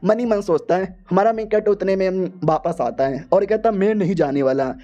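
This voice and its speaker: A man's voice: sits high, fairly quick, mellow. Slangy joking male recap narrator. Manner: slangy, crude, joking asides. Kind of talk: casual storytelling recap. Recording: dull lo-fi sound.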